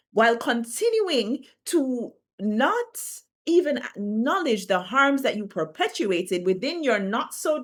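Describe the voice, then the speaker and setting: A woman from the Caribbean talking candidly to camera in a reflective vlog, animated and laughing between her thoughts. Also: a little high. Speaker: vlogger.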